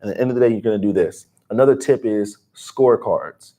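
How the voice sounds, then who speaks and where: A man in his twenties co-hosting a livestream, giving business advice in casual, energetic talk and calling people bro. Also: lowish voice, quick pace. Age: 20s. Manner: energetic, slangy, calls listeners bro. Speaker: livestream co-host.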